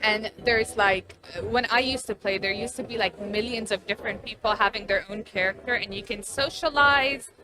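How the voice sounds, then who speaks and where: A woman's voice: mid-range voice, normal speed, few pauses, noisy background. A young adult woman, a gamer guest, talking casually and chattily with lots of fillers in an interview. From born in Abu Dhabi, Pakistani family, raised partly in Texas.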